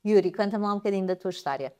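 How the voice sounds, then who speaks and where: A woman's voice: mid-range voice, racing, mellow. A woman hosting a podcast, leading a casual interview with prompting questions and frequent check-ins. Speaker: podcast host.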